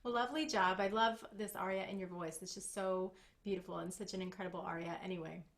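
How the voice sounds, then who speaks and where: A woman's voice: mid-range voice, fairly even intonation, fast talker. A woman voice teacher coaching a singer in an online master class over a video call, explaining technique with small demonstrations.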